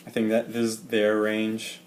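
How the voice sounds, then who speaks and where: Man with a slight lisp, lowish voice. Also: monotone, a little slow, a little hiss or hum. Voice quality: slight lisp from rubber bands in his mouth. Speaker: co-host. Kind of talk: casual sports chat.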